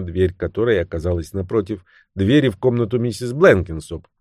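A man reading a novel aloud as an audiobook narrator, expressive and voicing the characters' lines. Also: fairly low pitch, dry recording, studio quality. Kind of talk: scripted narration.

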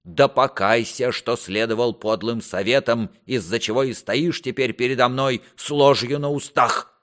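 A man voicing a stern, grieving old king who scolds his son in a raised, forceful voice. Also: mid-range voice, normal speed, voice pushed up, close to an everyday voice.

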